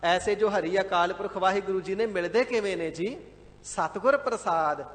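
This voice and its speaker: A man giving a devout, measured scripture sermon, explaining and repeating words one by one and at times chanting a verse. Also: high-pitched, fairly bright tone, long reverb tail. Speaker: Sikh scripture expounder. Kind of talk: line-by-line scripture exposition sermon. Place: large gurdwara hall.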